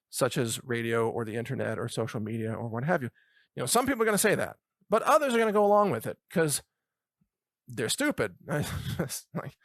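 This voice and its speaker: A middle-aged man delivers a talk show commentary with lively, scornful energy. His voice sits a bit on the high side for a man, and the sound is dry and close, with no room around it. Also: dry recording. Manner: animated, mocking, puts on voices for imagined people. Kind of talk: political commentary monologue.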